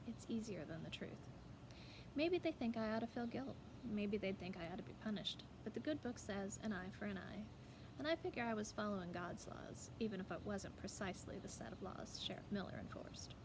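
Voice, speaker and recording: A woman's voice: medium pitch, natural voice. Lady reading as a young hillbilly widow from a novel, twang, dry and unrepentant, mid voice, noise behind. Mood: matter-of-fact, unrepentant. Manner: wry, matter-of-fact storytelling. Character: unrepentant young rural mountain widow, wry and hard. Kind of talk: first-person fiction reading. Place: outdoors in a backyard. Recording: clear outdoor background noise.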